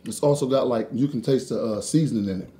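A middle-aged man giving measured, matter-of-fact opinions in a casual chat as co-host of a food review. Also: mid-range voice, warm tone. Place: living room at home, indoors.

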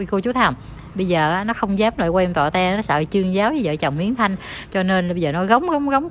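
A woman's voice: medium pitch, highs cut off. Heated woman vlogger. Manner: heated, scornful, insulting. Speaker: online commentator. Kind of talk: ranting commentary vlog to viewers.

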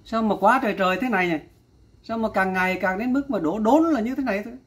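A man's voice: high-pitched, fast, a bit bright, breathy edge. A man giving an exasperated commentary vlog, talking straight to his viewers and repeating exclamations of disbelief. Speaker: vlogger.

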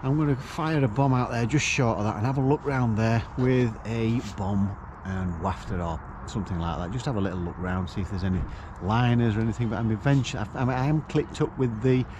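A man's voice: mid-range voice, brisk, hardly any pauses, background noise. A middle-aged man, talking casually to camera outdoors beside a lake, chatting through his plans. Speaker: angler vlogger.

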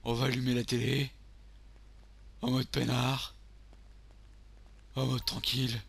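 Un homme jouant un beauf marseillais bourru. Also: male voice, mid-range voice, completely flat delivery, takes it slowly, gravelly, husky, heavily acted. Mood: grumbling. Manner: crude, vulgar grumbling, talking to himself while playing. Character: boorish drunk beer-loving lout, man, crude and brash. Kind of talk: game role-play commentary.

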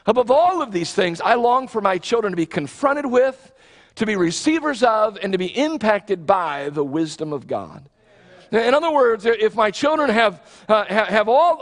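An American man in his thirties preaching a sermon from a church platform, earnest and emphatic, often restarting his phrases. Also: high-pitched. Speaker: pastor. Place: large church sanctuary, on the platform. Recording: long church reverb.

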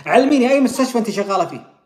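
Fast, pressing man, roomy sound. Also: very high voice, expressive. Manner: pressing, repeats questions, laughs while arguing. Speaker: host of an online call-in chat. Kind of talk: casual debate.

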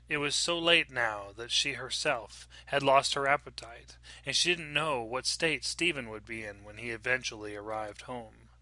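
A man reading a horror short story aloud in a measured, dramatic storytelling manner. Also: mid-range voice, bright, forceful tone, no echo. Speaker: audiobook reader.

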